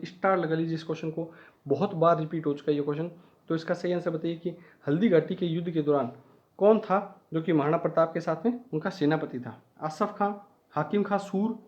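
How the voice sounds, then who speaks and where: A man's voice: sits high, a little mellow, highs cut off. A man teaching an online exam-prep lesson who repeats key facts and asks and answers his own questions.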